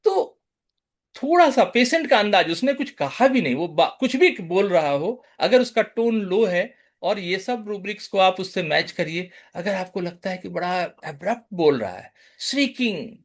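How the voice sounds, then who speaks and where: A man's voice: high voice, lively intonation, a little slow. A man with an Indian English accent giving a webinar lecture on homeopathy over a video call, listing remedy names one by one and mixing Hindi and English.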